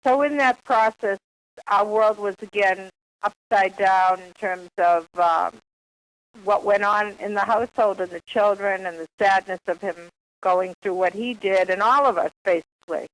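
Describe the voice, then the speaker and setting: A woman's voice: medium pitch, moderate pace, a bit bright. An older woman with a Boston accent telling her life story as an author being interviewed, in a reflective, wordy way over a phone line.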